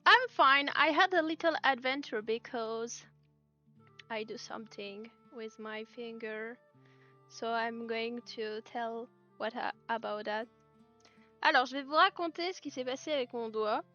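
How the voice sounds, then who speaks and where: A woman streaming live while making clothes, chatting with viewers, telling stories, laughing often and switching into halting English. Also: fairly high pitch, muffled recording. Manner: chatty storyteller, laughs often, answers chat. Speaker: livestreamer and clothing maker. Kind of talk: casual chat with live viewers. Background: soft background music.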